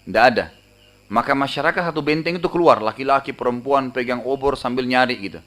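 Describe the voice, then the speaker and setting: A man preaches with a brisk, rapid flow in his middle register. He tells a story in the sermon and leaps up in pitch whenever he acts out its voices. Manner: lively storytelling, acting out voices with pitch jumps.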